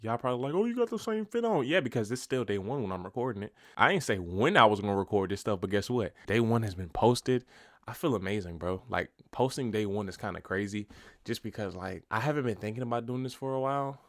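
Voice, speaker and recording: A young man talking casually to camera at home in a vlog, a little out of breath, with a relaxed, slangy, rambling delivery. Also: lowish voice, fairly quick, dry recording, studio quality. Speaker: vlogger. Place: indoors at home.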